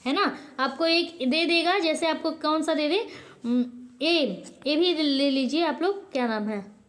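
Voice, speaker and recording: A woman's voice: high-pitched, a little slow, fairly bright tone. A woman teacher giving an online lesson, repeatedly asking a question and then answering it herself, with frequent hesitations and self-corrections. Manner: drills by asking and answering her own questions. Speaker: channel host.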